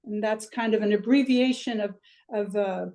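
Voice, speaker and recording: Speaking at normal speed in a mid-range, dark-toned voice, an older woman from Iceland who coaches swimming looks back thoughtfully in an interview over video call. She's chatty and leans heavily on fillers.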